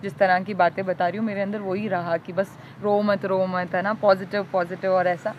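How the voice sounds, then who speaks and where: A woman from India talks earnestly and personally on a podcast, in a mid-pitched voice with English words mixed into her speech. The audio is dull and lo-fi, with faint traffic noise in the background. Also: level tone, moderate pace. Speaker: podcast co-host. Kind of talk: conversational podcast talk.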